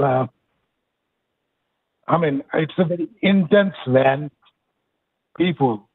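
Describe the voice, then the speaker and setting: A Bangladeshi man in his sixties, a nonprofit executive director, calls in remotely as a guest for a casual phone interview. His voice is on the high side with a breathy edge and a Bangladeshi accent, heard dry over a tinny phone line as he speaks earnestly with hesitant restarts.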